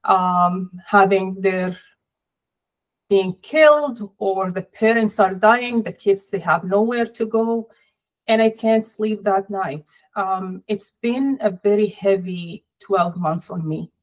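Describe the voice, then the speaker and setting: Measured, sorrowful woman on a video call. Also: medium pitch, low-quality recording. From Palestinian, family in Jordan. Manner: measured, sorrowful, deliberate pauses. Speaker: interview guest, professor. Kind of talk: personal interview. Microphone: laptop or webcam on video call.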